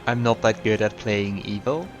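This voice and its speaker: A man's voice: fairly low pitch, normal speed. A man hosting a let's play, giving casual commentary on a game. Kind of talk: casual game commentary with read-aloud dialogue. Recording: game music under the voice.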